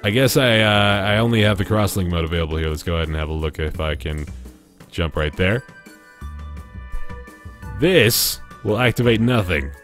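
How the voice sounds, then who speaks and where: A man's voice: low voice, normal speed, pauses often, fairly bright tone, faint music behind. A man hosting a gaming video with casual, joking commentary, often talking to himself. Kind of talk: casual let's play commentary.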